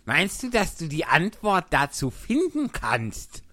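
A man doing a shrill, insistent March Hare. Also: huge pitch swings, slow pace, sharp tone, dry recording, full character voice. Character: fussy male March Hare.

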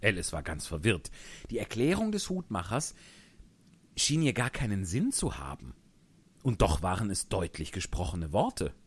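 A man's voice: lowish voice, wildly swooping pitch, moderate pace, husky. A man narrating a storybook in scripted audiobook style.

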